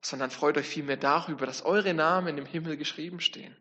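High-voiced preacher in a reverberant hall. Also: male voice, a little fast, pushed and bright, lo-fi sound. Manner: reflective, speaks to the congregation directly. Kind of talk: sermon. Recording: long church reverb.

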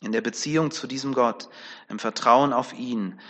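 A man's voice: mid-range voice, moderate pace, a bit bright, long reverb tail. A man preaching a sermon in a conversational way, often checking in with the congregation through tag questions.

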